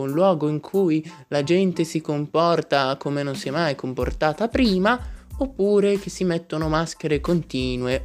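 A man hosting a comic monologue, talking in a sarcastic, joking rant. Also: fairly high pitch. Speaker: host.

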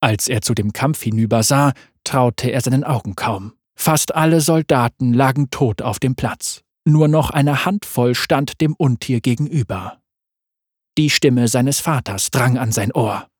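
A man narrating a fantasy story aloud in a steady reading voice. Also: mid-range voice, unhurried, slightly rough, dry recording, studio quality.

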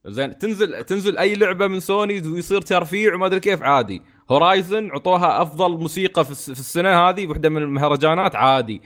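Fast-talking Emirati man ranting. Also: high voice. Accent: Emirati Arabic. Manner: fast, animated ranting with frequent restarts. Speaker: podcast co-host. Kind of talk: casual gaming podcast chat.

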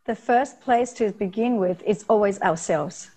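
A Vietnamese woman in her forties who founded a nonprofit answers interview questions earnestly, often repeating her key phrases. She speaks unhurriedly in a medium-pitched, dark voice with a breathy edge.

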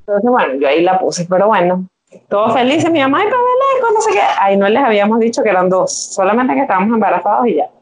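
A young woman with a Venezuelan accent, a podcast guest, telling her story in a casual, animated way and acting out the voices of the people in it. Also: medium pitch, quick pace, rough recording. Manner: animated, acts out quoted voices.

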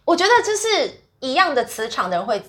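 A woman's voice: high-pitched, sing-song, brisk, a bit bright. A woman with a Taiwanese accent chatting casually and expressively as a podcast co-host, slipping English phrases into her Mandarin. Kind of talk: casual chat.

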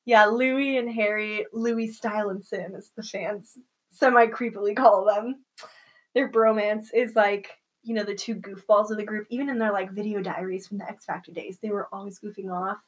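A woman's voice: medium pitch, fairly even intonation, normal speed. A young woman chatting casually as a co-host, giggling often and filling her talk with "like". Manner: giggly, chatty, many fillers. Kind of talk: casual chat.

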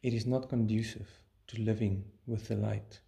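A man leading a guided meditation in a calm, soothing, measured way, pausing between short phrases. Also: lowish voice, creaky.

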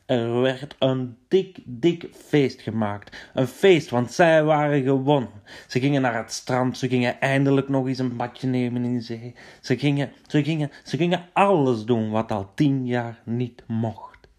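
A man's voice: medium pitch, measured pace, hardly any pauses, darkish tone. A man telling a children's story playfully and dramatically, dropping to whispers for suspense.

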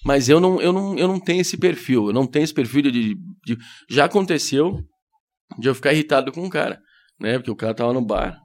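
A man's voice: mid-range voice, animated, fast talker, a little mellow. A Brazilian man, a comedian, chatting casually and telling anecdotes, calling himself shy and acting out the people he quotes. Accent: Brazilian Portuguese. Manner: shy, self-deprecating storyteller who acts out quoted voices. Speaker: comedian guest. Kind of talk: casual podcast chat.

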